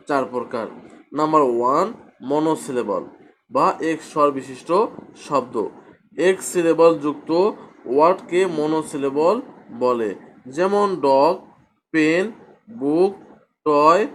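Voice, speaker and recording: A man teaching a grammar lesson at a slow, deliberate pace. His voice sits a little high, and he asks questions aloud and then answers them himself. Faint background noise runs under the recording. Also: expressive.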